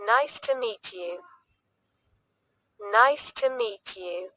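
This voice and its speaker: A woman speaks very slowly in a bright, pointed voice, a little higher than most. She reads short phrases for learners and repeats each one with careful clarity. The sound is dry and close, with no room around it. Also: lively intonation, no room sound. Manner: reads each sentence twice, clearly and deliberately. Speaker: English teacher.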